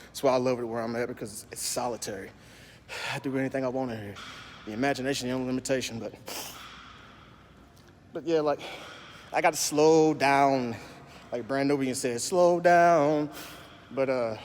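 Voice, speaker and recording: A man's voice: mid-range voice, big-room sound. A man with a country accent, a slight S lisp and slurred speech, talking in a rambling, profane way as he vlogs from a gym. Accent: Southern US country. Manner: profane, rambling, deliberately slowed. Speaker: fitness vlogger. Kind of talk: casual vlog monologue.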